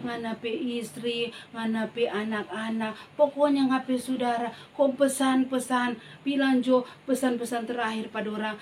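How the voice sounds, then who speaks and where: A man's voice: extremely high pitch, slight background noise. A woman voicing a blunt male prophet who speaks with a Manado Malay accent. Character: blunt prophet delivering a death warning.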